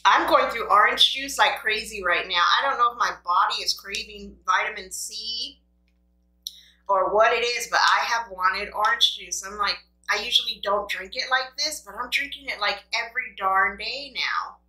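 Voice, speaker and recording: A woman's voice: mid-range voice, moderate pace, pushed and bright. A woman vlogger chatting casually and playfully to camera as she eats, talking between bites with little mm sounds. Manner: talks between bites with small appreciative mm sounds; playful self-talk, grumbling at the food. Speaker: mukbang vlogger. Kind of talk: casual chat to camera while eating. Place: room at home. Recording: roomy, echoing indoor sound.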